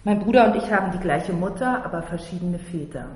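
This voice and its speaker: A man's voice: high voice, lively intonation, a little fast, darkish tone. A man from Berlin reading a first-person story aloud in a blunt, slangy, tough-talking way. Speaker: narrator. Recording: roomy hall reverb, faint noise.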